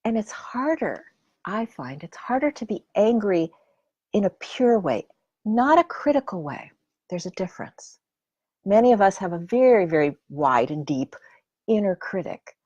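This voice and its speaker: A woman giving a heartfelt personal talk on emotions, often dropping into soft whispers and then rising to emphatic intensity. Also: mid-range voice, sing-song, unhurried, no echo, muffled recording.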